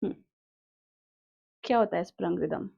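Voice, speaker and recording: A woman's voice: lowish voice, vocal fry, mellow, husky, highs cut off. A young Indian woman teaching an online exam-prep literature class, mixing Hindi and English and reading questions aloud. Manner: switches between Hindi and English, reads questions aloud slowly.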